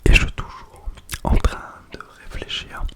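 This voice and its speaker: A man whispers a casual ASMR chat very close to the mic, hushed as if quiet at night, with soft breath and lingering repeated words. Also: measured pace. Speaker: ASMR content creator. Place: small home toilet room, indoors. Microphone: close sensitive microphone without windscreen.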